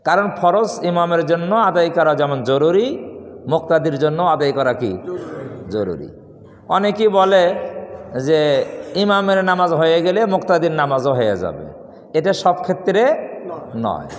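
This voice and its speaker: A Bangladeshi imam delivers a Friday sermon in a fairly high voice that rises and falls in lively swings. He poses rhetorical questions for the congregation to complete and gives drawn-out demonstrations of recitation, all ringing through a large mosque hall with long, echoing reverb.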